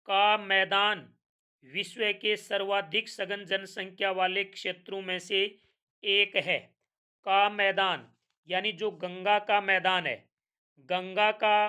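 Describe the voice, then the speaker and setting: A woman's voice: medium pitch, pushed and bright. A woman teacher with a Hindi accent going through exam revision questions, asking each answer back and repeating it.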